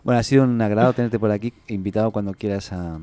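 A man hosting a casual interview, easygoing and a bit rambling, with soft quiet asides. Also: on the low side, fairly even intonation, fast talker. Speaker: interview host.

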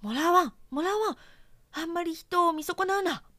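A woman's voice: expressive, moderate pace, a bit bright, dry recording, clean studio sound. A woman voicing a coaxing talking mousetrap. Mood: indignant. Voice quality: high sweet voice. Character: talking mousetrap, kindly at first but touchy.

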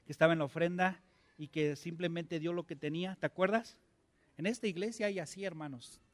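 A man's voice: on the high side, brisk. A male pastor, preaching a conversational sermon and asking his congregation many questions.

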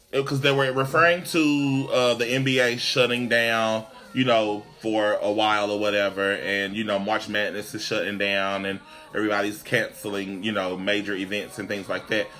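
A man hosting a casual talk show, speaking in an animated, sassy, emphatic way with plenty of swearing. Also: fairly low pitch. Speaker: podcast host. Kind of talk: casual, profane banter and commentary.

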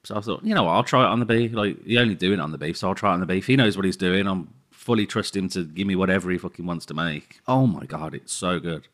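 Brummie guy with a low voice, rambling excitedly to a mate, lots of "like". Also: fast, hardly any pauses. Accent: Birmingham English. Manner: excitable, gushing, full of "like" and "oh my God". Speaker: podcast co-host. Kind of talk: casual chat.

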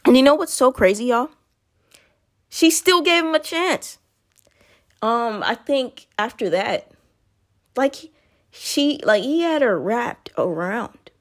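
A woman's voice: on the high side, animated, takes it slowly, pauses often. A woman talking casually to her listeners in a loose, rambling monologue, often correcting herself mid-sentence and calling out to the audience.

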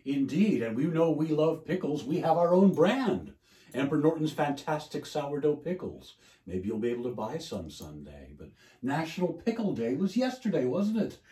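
Co-host, male, mellow and animated voice, mock-regal manner, echoey room. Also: fairly high pitch, normal speed. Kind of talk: casual comedic chat.

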